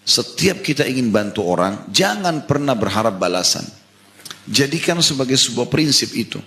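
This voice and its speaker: A man giving a conversational, animated sermon about marriage and conduct. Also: medium pitch, moderate pace. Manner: animated, conversational preaching to men and wives. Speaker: preacher. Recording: hall reverb, husky.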